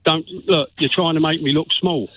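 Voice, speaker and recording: A man's voice: on the high side, steady tone, moderate pace, dry recording. A man in his sixties with a London accent, calling into a radio phone-in. He talks bluntly and repeats his points. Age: 60s. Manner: blunt, insistent, repeats himself. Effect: phone line. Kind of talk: heated phone-in argument. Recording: tinny phone line.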